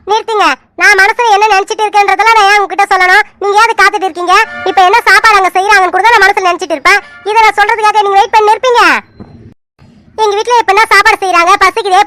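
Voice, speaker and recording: A woman voicing Poomari, a playful and quick-tempered young village woman in an animated serial, who argues in rapid, indignant bursts. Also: very high-pitched. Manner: indignant, rapid back-and-forth arguing. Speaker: cartoon character.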